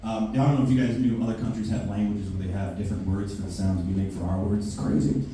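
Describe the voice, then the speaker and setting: Profane, ranting male stand-up with a dark, mellow voice, picked up from afar in a boomy basement. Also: little pitch movement, fast talker. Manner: profane, brash, ranting delivery. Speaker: stand-up comedian. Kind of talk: stand-up comedy set. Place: basement club room with a live audience. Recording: very echoey basement, mic far off, faint hiss.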